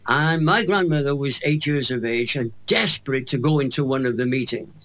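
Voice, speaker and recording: An older man from Wales, an evangelist appearing as a guest on a radio interview, tells stories in an emphatic, animated way with plenty of humour. His voice is mid-range at a normal speed, and the recording carries a slight hiss or hum.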